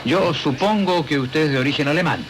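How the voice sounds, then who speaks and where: A man's voice: a little high, a little fast, noisy background. Rambling radio host man. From Chile. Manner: rambling, conversational, many asides. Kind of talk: radio interview.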